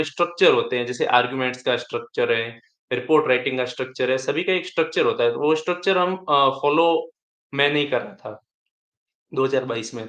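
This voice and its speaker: A man's voice: fairly high pitch, fairly bright tone, muffled recording. A young man who topped an exam explains how to structure answers, restarting phrases as he advises. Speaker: exam topper sharing tips. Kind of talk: live online interaction. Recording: echoey room.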